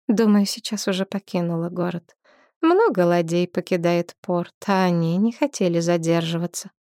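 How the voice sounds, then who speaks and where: A woman's voice: on the low side, no room sound, clean studio sound. Woman doing a coy, teasing shrine maiden. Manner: playful, coy, drops to a soft whisper.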